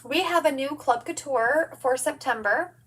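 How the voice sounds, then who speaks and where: A woman's voice: sits high, moderate pace, fairly bright tone. A woman hosting a home craft livestream, chatting with viewers in a bubbly, enthusiastic way. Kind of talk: upbeat livestream sales chat. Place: home, at her craft table. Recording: distant mic with faint room noise.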